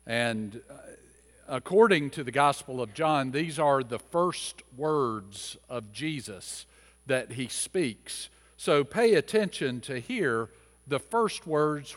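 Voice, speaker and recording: A man, a pastor, reading scripture aloud and then preaching a sermon, measured in his reading and more animated when he explains the passage. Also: medium pitch. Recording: long reverb of a church hall.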